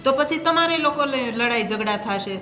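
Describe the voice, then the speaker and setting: A woman's voice: high voice, expressive, moderate pace, pushed and bright. Woman playing a middle-aged mother-in-law, soothing and reasoning, echoey room, faint music. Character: mother-in-law, weary peacekeeper between daughters-in-law. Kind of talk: family drama acting.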